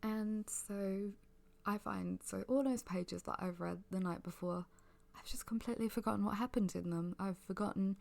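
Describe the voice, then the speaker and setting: A young woman rambles sleepily in a soft-spoken ASMR style. Her voice is breathy and often close to a whisper, with a lot of fry and creak at a middling pitch. She drifts along casually and without hurry. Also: normal speed. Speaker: ASMR creator giving a personal ramble.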